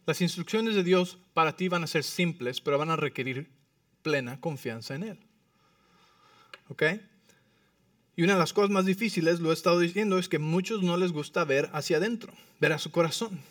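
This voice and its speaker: Pastor preaching with emphatic call-and-response. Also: male voice, a little high, normal speed, no echo, studio quality, far from the mic. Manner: frequent tag questions to the congregation; shifts between soft intimate asides and emphatic lines. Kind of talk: sermon. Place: church.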